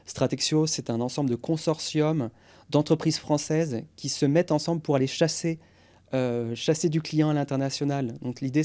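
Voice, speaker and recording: A man's voice: on the high side, warm tone, clean tone. A man in his forties, a guest on a podcast interview, explaining go-to-market strategy with energy and English business jargon.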